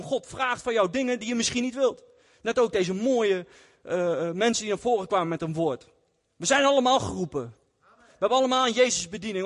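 A man preaching a testimony sermon in church, earnest and retelling scripture stories. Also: sits high. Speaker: lay preacher. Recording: long hall reverb.

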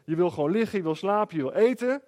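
A middle-aged man with a somewhat high voice tells an anecdote to a room. He is animated and rhetorical, and he keeps tossing quick questions to his listeners to pull them along. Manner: lively, rhetorical, checks in with the listeners. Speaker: speaker. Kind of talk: storytelling talk to an audience.

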